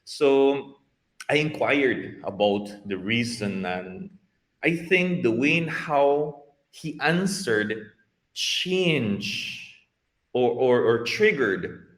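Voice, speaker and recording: This Costa Rican man, who heads an IT program, is a guest answering interview questions with a Costa Rican Spanish accent. His mid-range voice is expressive but very slow, and he hesitates, often restarting and repeating words. The sound is roomy and echoey.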